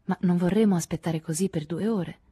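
A woman's voice: lowish voice, a little fast, dark tone, breathy edge, no room sound, studio quality. A woman reading the part of an anxious woman in love, pleading and tearful, in an audiobook. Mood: restless.

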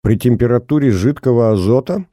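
A man reading an audiobook, voicing an excitable middle-aged female physics teacher who exclaims and commands. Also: mid-range voice, moderate pace, no room sound, studio quality, pitched above the performer's own voice, lightly acted. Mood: excited. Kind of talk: audiobook character voice.

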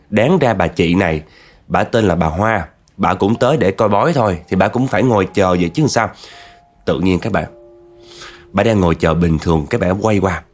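A man's voice: sits low, a little mellow. A man telling a spooky story in a chatty way, talking straight to his listeners. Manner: chatty, addresses listeners directly. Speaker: horror storyteller.

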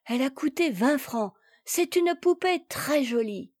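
A woman's voice: sits high, lively intonation, measured pace, darkish tone, no room sound, clean studio sound. A woman reader voicing a kind, chattering little rich girl in a storybook. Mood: eager.

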